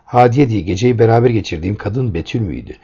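A man's voice: lowish voice, fast, warm tone, breathy edge. A man reading a first-person story aloud in a tense, dramatic way, in a dull lo-fi recording.

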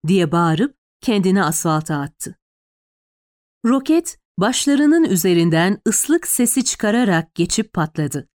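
A woman's voice: medium pitch, very animated, measured pace, darkish tone, dry recording, clean studio sound. A woman narrating a tense, dramatic audiobook.

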